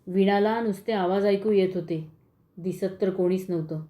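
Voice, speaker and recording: A woman narrating a horror story in a steady, suspenseful reading voice. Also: mid-range voice, normal speed.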